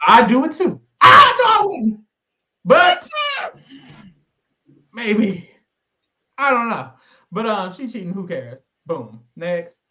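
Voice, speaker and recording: A man's voice: high voice, wildly swooping pitch, slow pace, pauses often, bright, forceful tone. A man co-hosting a podcast, recapping in casual, slangy, dramatic storytelling chat. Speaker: podcast co-host.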